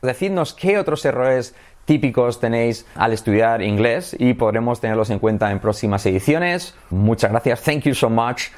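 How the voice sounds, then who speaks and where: Man, English teacher, video lesson, middle pitch, switches languages, frequent check-ins. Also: darkish tone. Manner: switches between Spanish and English example sentences, asks "¿sí?" often. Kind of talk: video lesson for Spanish speakers.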